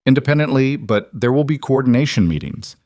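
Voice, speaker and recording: A man reading the lines of a brisk, professional businesswoman in a story. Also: medium pitch, expressive, darkish tone, dry recording, pitched above the performer's own voice, lightly acted. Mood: businesslike.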